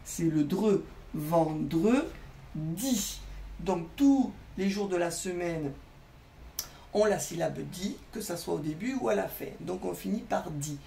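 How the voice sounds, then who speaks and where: Gravelly-voiced teacher in an echoey room. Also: medium pitch, measured pace, warm tone, slight background noise. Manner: patient, clear explaining to children. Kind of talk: step-by-step handwriting lesson. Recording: echoey room, mic at a distance.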